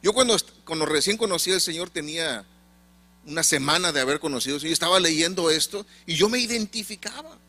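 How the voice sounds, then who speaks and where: A man from Monterrey, preaching a sermon with emphatic swings and pauses. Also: on the high side, lively intonation, bright, forceful tone. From Monterrey, Mexico.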